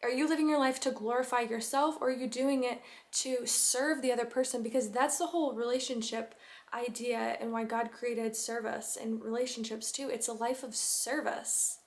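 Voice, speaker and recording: Young woman vlogger, earnest and preachy, a bit high-pitched, casual advice talk. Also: fairly even intonation, moderate pace. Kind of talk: casual faith-based advice vlog.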